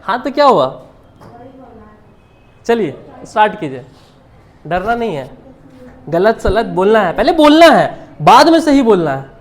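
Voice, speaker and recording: A male English teacher in a classroom, speaking in a fairly high voice. He fires questions at his students, switches easily between Hindi and English, and laughs lightly as he corrects their sentences. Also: very animated, a little slow, pauses often. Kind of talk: live classroom lesson.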